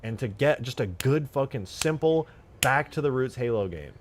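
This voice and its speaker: A young man streaming from home, ranting in casual chat, swinging from mutters to loud outbursts and cursing a lot. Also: mid-range voice, expressive, moderate pace, slight background noise.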